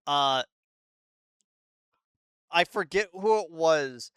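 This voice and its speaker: A man streaming a game, making rambling, quick casual asides. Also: a little high, lively intonation, clear, resonant tone, no echo, studio quality. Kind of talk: casual gameplay commentary. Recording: loud game music behind. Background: game music.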